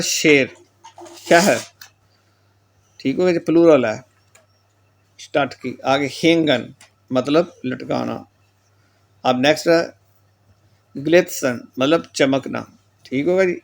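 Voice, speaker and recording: A man teaching German pronunciation, reading out example words with their meanings in a patient lecture style and often adding a short filler tag. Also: fairly high pitch. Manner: reads each word and its meaning, repeats the filler tag "theek ho gaya ji". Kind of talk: classroom lecture explaining pronunciation with word lists.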